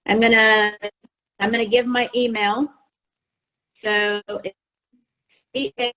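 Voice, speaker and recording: A woman's voice: on the high side, little pitch movement, takes it slowly. A woman director of a small business center answering questions on a video call, her audio breaking up and cutting out. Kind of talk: advising small business owners in a webinar. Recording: tinny, choppy video call line.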